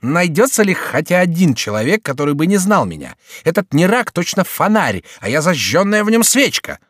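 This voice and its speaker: A man puts on a sardonic, quick-tempered middle-aged jester in a storybook reading, his voice pushed well above the reader's own pitch. He exclaims with lively swings and sits in a dry, close sound. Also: no room sound. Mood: exasperated. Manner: raised, exclaiming, impatient.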